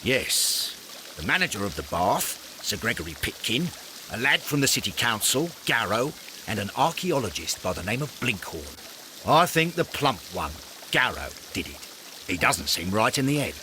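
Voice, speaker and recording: A man's voice: lowish voice, very animated, normal speed, sharp tone, a little hiss or hum. A man acting a blustering, easily flustered Victorian police inspector in a game, with an English accent and emphatic delivery. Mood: brisk reporting. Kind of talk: video game cutscene acting.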